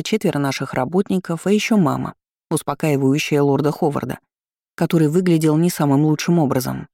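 A woman reading a first-person audiobook as scripted narration, her tone rising brightly in the heroine's lines. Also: sits low, dry recording, studio quality. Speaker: audiobook reader.

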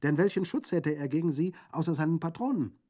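A man's voice: fairly high pitch, lively intonation, brisk, dark tone, voice pushed up. A man reading the part of a fierce, proud young Corsican woman who speaks earnestly and insistently.

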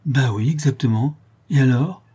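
A man reading aloud, voicing an outspoken middle-aged peasant widow in a raised, husky voice. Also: mid-range voice, normal speed, warm tone, pitched above the performer's own voice, natural voice. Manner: outspoken, defiant.

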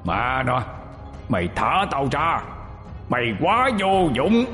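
A man's voice: mid-range voice, huge pitch swings, takes it slowly, long reverb tail, music in the background, pitched above the performer's own voice. A man voicing a raging male demon fused with a man, in a distorted demonic voice, snarling and threatening. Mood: contemptuous. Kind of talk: storybook narration voicing.

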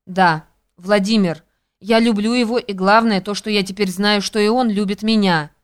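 A woman's voice: mid-range voice, fairly even intonation, moderate pace, clear, resonant tone, close to an everyday voice. A woman voicing a passionate young woman in love, reading her lines impassioned in an audiobook.

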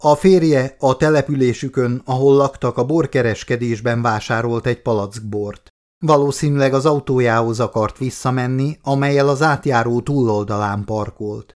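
Formal, measured police officer breaking hard news, read by a male narrator. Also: medium pitch, a little mellow, natural voice. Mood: solemn. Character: middle-aged male police lieutenant colonel, formal and solemn. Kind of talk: audiobook character voice.

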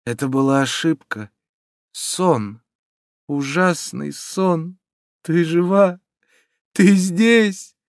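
A tender, grief-stricken young prince, as a male audiobook reader puts him on, speaks in a raised, trembling voice. His words come slow and drawn out. The reading sounds dry and close. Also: on the high side, no echo, voice pushed up. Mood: trembling, anguished.

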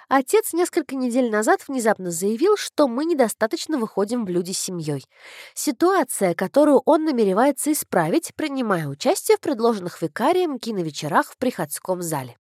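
A woman's voice: a little high, a little mellow, dry recording, studio quality. A woman narrating an audiobook in the first person with a wry, ironic delivery.

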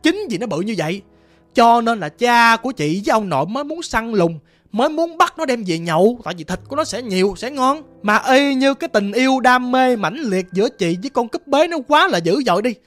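Woman storyteller, chatty ghost-story narration straight to listeners, slightly high voice. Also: animated, brisk, soft background music. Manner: chatty, addresses listeners directly.

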